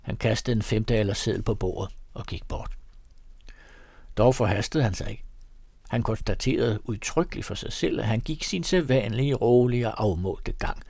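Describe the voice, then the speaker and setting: A man reading a classic short story aloud in a measured, expressive manner. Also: fairly low pitch, gravelly, no echo. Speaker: reader.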